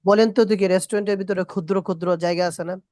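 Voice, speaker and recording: A woman teaching a spoken English class, repeating short English phrases slowly and quizzing her students. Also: mid-range voice, steady tone, mellow, no room sound, clean studio sound. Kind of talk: classroom lesson.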